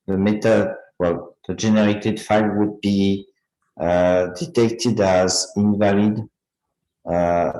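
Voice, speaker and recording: A man talks slowly and haltingly in a video meeting, stopping often to restart his sentences. His voice is somewhat low and strained, as he is losing it. The sound comes from an echoey room. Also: a little mellow. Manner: halting, many fillers and restarts. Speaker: meeting participant.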